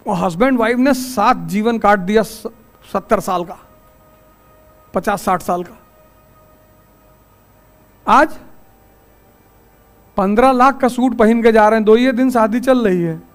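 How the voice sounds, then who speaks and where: A man's voice: sits high, unhurried, long pauses, soft background music. A man teaching a civil services exam class in a classroom, lecturing in a folksy, anecdotal way full of stories.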